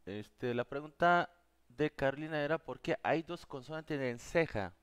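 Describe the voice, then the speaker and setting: A man's voice: on the high side, lively intonation, unhurried, smooth. A man with as his teaching a live online class, patiently answering viewers' questions. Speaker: Korean teacher.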